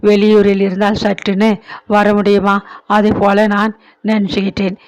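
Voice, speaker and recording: A woman reading the part of an aging, sick mother who speaks gently and consolingly in a storybook. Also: mid-range voice, completely flat delivery, normal speed, close to an everyday voice, poor audio. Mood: tender.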